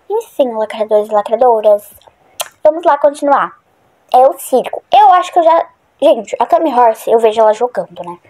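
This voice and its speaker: Woman, high-pitched, chatty gameplay commentary, easily startled, rambling. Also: warm tone. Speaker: gaming channel host.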